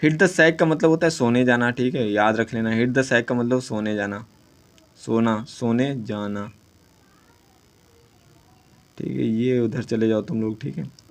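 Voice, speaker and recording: A man with a medium-pitched voice teaches exam idioms in casual Hindi mixed with English, often saying "ठीक है". He reads English sentences out slowly, corrects himself as he goes, and jokes with students.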